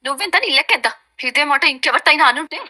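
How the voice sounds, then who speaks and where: An actress playing a proud young daughter-in-law who answers back quickly and defiantly in a TV serial. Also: female voice, high-pitched, lively intonation, sharp tone, full character voice. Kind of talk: TV serial acting.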